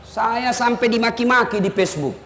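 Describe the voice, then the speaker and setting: A male preacher giving a joking, emphatic sermon to an audience in a large hall, sometimes shouting. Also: extremely high pitch, expressive, moderate pace. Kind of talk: humorous sermon. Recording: echoey hall, faint noise.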